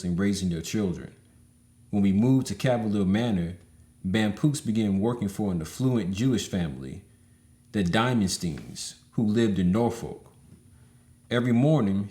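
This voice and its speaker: A man reading a memoir aloud as an audiobook, in a measured, steady way. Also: fairly low pitch. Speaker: audiobook reader.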